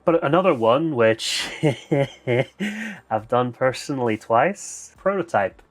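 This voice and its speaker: A man's voice: medium pitch, expressive, takes it slowly. A man co-hosting a casual gaming podcast, playful and teasing. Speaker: podcast co-host.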